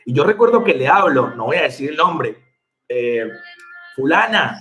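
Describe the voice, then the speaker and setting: High-voiced chatty bartender man. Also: normal speed, faint music behind. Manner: animated, chatty, addresses viewers directly, laughs at his own story. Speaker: bartender and online mixology teacher. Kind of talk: casual storytelling to camera.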